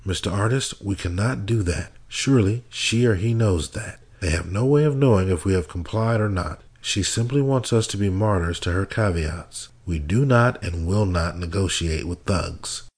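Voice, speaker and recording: A man's voice: sits low, moderate pace, hardly any pauses, husky, pitched above the performer's own voice. A man voicing a composed, condescending female federal agent. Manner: calm, condescending.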